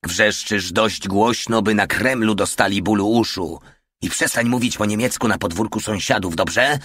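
A man's voice: on the low side, moderate pace, a bit bright, no echo. A man voicing a crude, mocking soldier who is always complaining about the cold, in an audiobook. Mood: brash, taunting. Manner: coarse, mocking, brash. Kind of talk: audiobook character voice.

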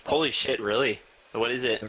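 A young man talking casually over voice chat during a team game, excitable and profane, with a lot of rambling. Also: mid-range voice, normal speed, a little hiss or hum, rough recording. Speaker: gamer on voice chat.

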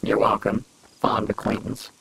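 A man voicing a sarcastic male robot sidekick in a video game, with dry, mock-flattering remarks. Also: moderate pace, lightly acted, poor audio. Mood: mock servile.

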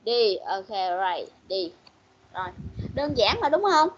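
Woman teacher, online class, patient and coaxing, slow delivery, dull call audio. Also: mid-range voice, very animated, a bit bright, slightly rough. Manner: patient, coaxing, repeats words slowly for pupils. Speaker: English teacher. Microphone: video call.

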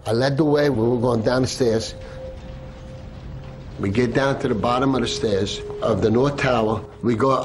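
A firefighter telling his story in an interview, vivid and animated, acting out the shouts he heard. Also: medium pitch. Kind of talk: emotional interview recollection.

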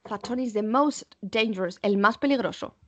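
A woman with a Spanish accent teaching an English exam-prep class online, checking in often with her students and slowing down to model English examples. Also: on the high side, highs cut off. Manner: switches between Spanish and English, frequent "vale?" check-ins.

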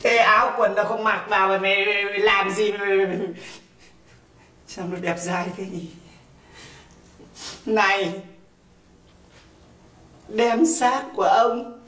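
A woman playing a brash, newly widowed wife in a stage comedy sketch. She scolds fast and bossily, then sings slow, mock-mournful laments. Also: mid-range voice, fairly bright tone. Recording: echoey stage audio from far off, with music.

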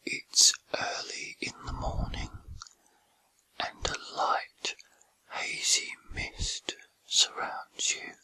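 A man whispering a guided meditation in a soothing, gentle, breathy ASMR style with unhurried pauses. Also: dry recording, low-quality recording.

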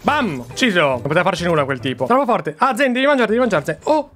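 A young Italian man chatting excitedly to viewers while reacting to gameplay as a gaming YouTuber. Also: sits high, quick pace, soft background music. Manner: animated, chatty, addresses viewers as "ragazzi". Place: home gaming room.

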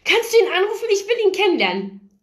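Woman doing a squealing bubbly young groupie girl. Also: normal speed. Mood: excited. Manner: high, excited, gushing. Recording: roomy echo.

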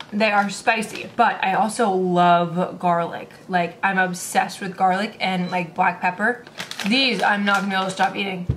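Speaking informally to a vlog camera, a woman in her twenties is slangy and enthusiastic as she chats indoors at home in her kitchen, bedroom and living room. Her voice is mid-range. There is a noisy background.

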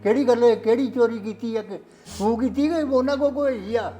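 A middle-aged actor playing a consoling uncle who asks probing questions in a family drama. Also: male voice, very high voice, brisk, warm tone, soft background music. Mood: concerned.

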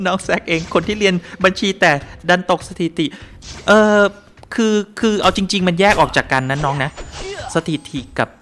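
A man's voice: sits high, normal speed, a little hiss or hum. A man streaming a game live, joking with his chat, exclaiming often and thanking viewers for donations. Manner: animated and joking, with frequent exclamations and laughs. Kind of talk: casual live-stream gameplay commentary.

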